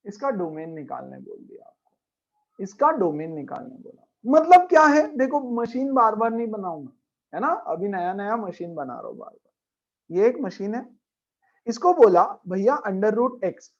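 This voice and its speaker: A man's voice: high voice, sing-song, unhurried, gravelly, muffled recording. A man teaching a maths class as a lecture, emphatic, repeating key points and checking in with his students. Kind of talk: classroom lecture mixing Hindi and English.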